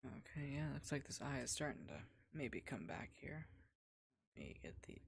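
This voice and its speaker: Casual livestream host for storm updates: husky, animated pitch, informal and a bit scattered. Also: normal speed. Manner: informal, scattered, thinking aloud. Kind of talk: casual live hurricane coverage commentary.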